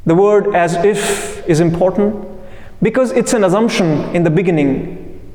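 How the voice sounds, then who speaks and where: Slow-paced man guiding meditation, echoey room. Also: a little high, darkish tone. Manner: unhurried phrasing with frequent pauses. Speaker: meditation teacher. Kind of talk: guided meditation instruction. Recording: echoey room with long reverb.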